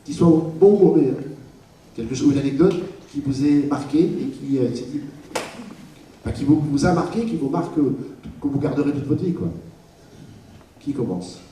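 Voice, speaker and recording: A man moderating a festival panel, joking and halting as he puts questions to guests. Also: mid-range voice, dark tone, slight background noise. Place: large hall. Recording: echoey hall from far off.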